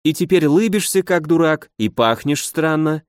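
A woman's voice: low-pitched, lively intonation, normal speed, dry recording, clean studio sound, voice pushed up. A man voicing a hot-tempered young noblewoman who nags and scolds her brother in an audiobook. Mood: suspicious. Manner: sharp, nagging, reproachful.

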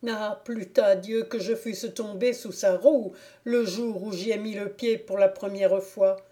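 A heartsick young miller's lad pleads in slow, unhurried lines, voiced by a woman reading an audiobook. His voice is warm and mellow, and he sighs over his sorrows. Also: medium pitch, fairly even intonation, natural voice. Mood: despairing. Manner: plaintive, impassioned pleading. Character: young lovesick miller's lad, sighing, despairing.

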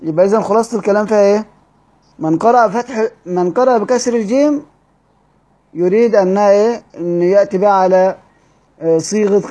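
A man with an Egyptian accent teaching Quranic readings in a study-circle lecture, explaining step by step and drawing out key words slowly. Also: high-pitched, dark tone. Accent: Egyptian Arabic. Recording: dull lo-fi recording.

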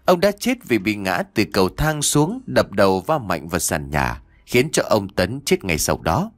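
A man's voice: lowish voice, very animated, moderate pace, no room sound. A man narrating a ghost story and voicing its characters himself. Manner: voices every character in quoted lines. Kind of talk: scripted horror story narration.

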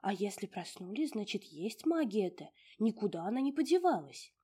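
A woman voicing a fussy, doting little old female house spirit in a storybook reading, with folksy, exclamatory speech and a slightly husky voice. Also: mid-range voice, sing-song, normal speed, mellow. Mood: fussing.

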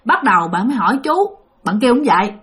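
A woman's voice: mid-range voice, expressive, fast, a bit bright. A woman with a Southern Vietnamese accent narrating a ghost story, chatty and talking straight to her listeners. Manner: chatty, addresses listeners directly.

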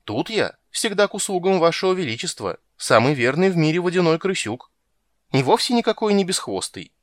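A man voicing a servile, tattling male water rat who squeaks and whines in a storybook reading. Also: sing-song, fairly quick, no echo. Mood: fawning. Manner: whiny, squeaky, fawning.

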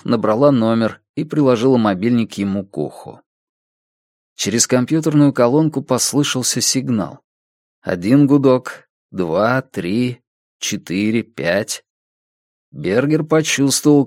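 A man narrating a crime novel as an audiobook in steady, tense storytelling. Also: mid-range voice, unhurried, no echo, studio quality. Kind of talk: scripted narration.

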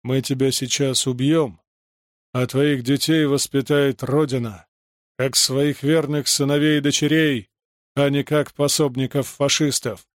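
A man reading aloud, voicing a ruthless wartime soldier in glasses who lectures in a calm, cold way. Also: mid-range voice, measured pace, dry recording, clean studio sound, lightly acted.

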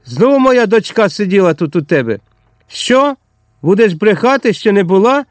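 Man reading cowardly blustering innkeeper, shrill high voice, bullying, dry recording. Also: sing-song, normal speed, no room sound. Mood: blustering threats. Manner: shrill, bullying, turns to pleading panic.

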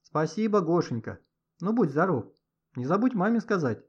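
A man voicing a gentle, affectionate aunt calling long-distance, in a storybook reading. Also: high voice, sing-song, normal speed, slightly rough, pitched above the performer's own voice, exaggerated voice. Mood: gentle, tired. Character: warm aunt on a phone call. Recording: dull lo-fi audio.

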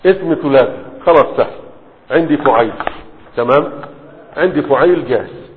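A man teaching a class in a lecture style, constantly checking understanding with quick questions to his students. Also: medium pitch, slight background noise. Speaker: teacher of Arabic morphology. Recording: tinny phone-like sound with long hall echo.

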